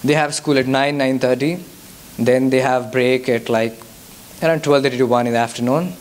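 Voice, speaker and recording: At a church youth service, a young Indian guest speaker whose first language is Telugu takes questions from the audience in Telugu-accented English. He speaks at a medium pitch with a steady tone and moderate pace, hesitating frequently with fillers and false starts.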